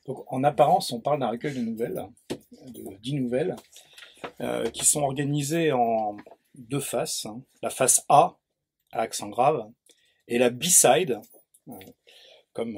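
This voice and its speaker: A man's voice: medium pitch, creaky, darkish tone, a little hiss or hum. A man hosting a discussion at a bookshop, introducing a book and asking the author questions, hesitant, with many fillers. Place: bookshop event.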